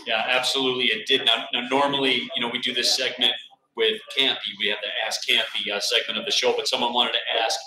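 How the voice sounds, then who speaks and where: A young man hosting a sports radio interview live from a bar, upbeat and energetic. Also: mid-range voice, crowd noise. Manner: energetic, upbeat, fast bursts. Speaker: radio play-by-play announcer hosting. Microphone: table mic. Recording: roomy bar sound.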